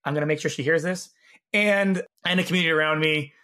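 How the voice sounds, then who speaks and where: Male podcast host, slightly high register, raspy and hoarse with a gravelly edge, chatting casually as interviewer. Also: steady tone, quick pace, sharp tone. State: hoarse from laryngitis. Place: home guest bedroom or office.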